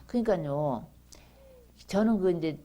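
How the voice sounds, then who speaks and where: A woman's voice: lowish voice, lively intonation, unhurried, dark tone. A middle-aged woman giving a seminary bible lecture, chatting with students and reading scripture aloud with emphasis.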